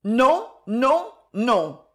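A woman's voice: a little high, sing-song, unhurried. A woman reading an audiobook, voicing a proud, desperate young woman who pleads with her rich father. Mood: indignant. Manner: pleading, raised and emotional.

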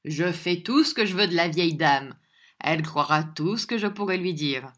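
Woman reader voicing a brash swaggering man, loud, boastful, lowish voice, storybook. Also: lively intonation, normal speed. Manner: boastful, brash, raising voice in toasts.

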